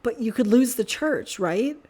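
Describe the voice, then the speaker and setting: A woman's voice: fairly high pitch, lively intonation, unhurried, a little mellow, voice pushed up. Sirius: a woman doing a cheeky young man. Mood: teasing, frank. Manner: teasing, blunt and frank.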